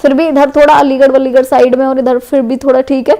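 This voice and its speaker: A woman's voice: high voice, level tone, fast, mellow. A woman teacher with a western Uttar Pradesh Hindi accent, going through exam multiple-choice questions in an explanatory way and often checking in with "है ना". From Uttar Pradesh, India. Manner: explanatory, repeats "है ना" and "correct है". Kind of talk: exam MCQ revision lesson.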